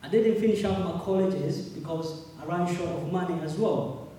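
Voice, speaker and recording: Man, mellow voice in an echoey hall. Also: sits high, distant mic, a little hiss or hum. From Uganda. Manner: earnest, halting, repeats words. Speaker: speaker at a public meeting. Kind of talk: personal testimony.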